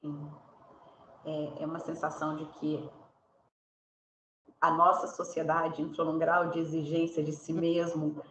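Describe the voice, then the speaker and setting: A woman host and fellow clinician speaking in a measured, reflective way over a video call. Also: sits low, little pitch movement. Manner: measured, reflective, builds on the guest's points. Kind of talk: reflective conversation in an online talk. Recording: echoey room, faint background noise.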